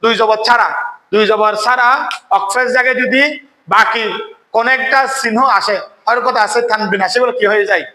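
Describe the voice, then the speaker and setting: A male recitation teacher with a high, bright voice, quizzing his class question after question. He keeps checking whether the students have understood. The sound is roomy and echoing. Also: fairly even intonation. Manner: chants verses slowly when demonstrating recitation. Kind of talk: classroom tajweed lesson.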